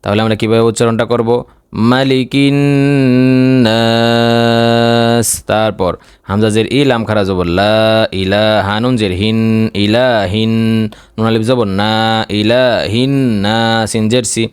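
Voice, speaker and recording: A man teaching Quran reading in Bangla, spelling out the words letter by letter and drawing out the vowels slowly. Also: fairly low pitch, fairly even intonation, smooth, dry recording, clean studio sound. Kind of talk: spelling out Quran recitation lesson.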